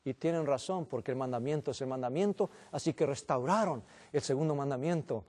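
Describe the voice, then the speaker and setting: Earnest preacher with a mellow voice. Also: male voice, medium pitch, brisk. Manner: earnest, addresses "hermanos". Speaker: pastor. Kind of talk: sermon. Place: church.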